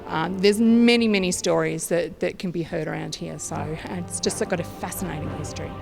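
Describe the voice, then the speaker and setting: A woman's voice: lowish voice, a little fast, vocal fry. An Australian woman working as a tour guide, giving informative interview answers about local history. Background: music.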